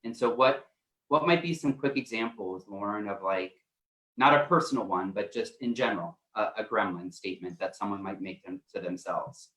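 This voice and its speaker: A man's voice: fairly low pitch, moderate pace, sharp tone. A man co-hosting a coaching livestream, chatting casually and rambling with plenty of fillers. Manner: rambling, loose, lots of fillers. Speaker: co-host, life coach. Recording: roomy echo.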